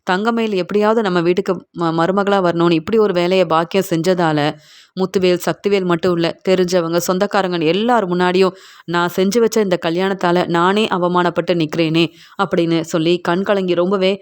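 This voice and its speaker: A woman's voice: fairly low pitch, steady tone, a little fast, smooth, natural voice. A woman reading the lines of an older father pleading on his son's behalf, in a retelling of a TV serial scene. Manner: pleading, aggrieved.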